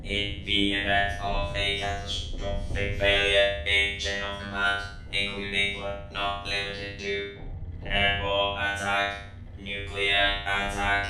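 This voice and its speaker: A stern security robot on duty, reading out its orders in a very low, completely flat monotone at an unhurried pace. The voice rings with a heavy echo. Loud music plays behind it. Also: male voice. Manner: flat, clipped, monotone announcements.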